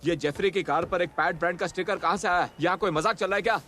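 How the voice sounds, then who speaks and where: A man's voice: medium pitch, very animated, moderate pace, a little hiss or hum, lightly acted. A man voicing a brusque, irritable racing team owner in a dubbed film. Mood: annoyed. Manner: brusque, commanding.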